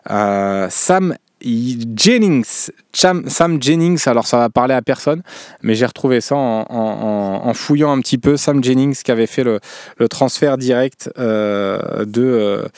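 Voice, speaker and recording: A man's voice: mid-range voice, a little slow, a little mellow, smooth, no room sound, clean studio sound. A man hosting a live show about a football club, chatting casually with many fillers and restarts. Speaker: show host.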